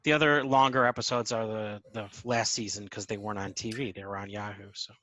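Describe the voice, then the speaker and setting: A man co-hosting a podcast over a video call, chatting casually and sometimes breaking into squeaky comic impressions. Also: steady tone, a little fast, bright, forceful tone, no echo. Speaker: podcast co-host.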